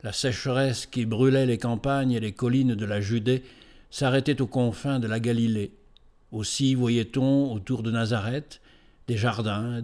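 A man giving scripted storybook narration in a steady, measured reading voice. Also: medium pitch.

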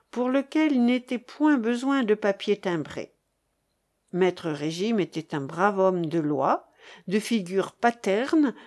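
A woman narrates a classic novel in an audiobook reading, her voice expressive. The pitch moves through a wide, lively range as she tells the story.

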